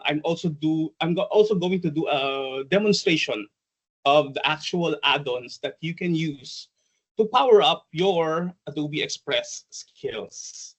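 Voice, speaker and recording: Leading a workshop at an online conference, a Filipino-accented trainer from the Philippines, likely in his forties, talks chattily and hesitantly, dropping lots of ums and uhs. His fairly high voice is a bit bright, captured in a rough recording.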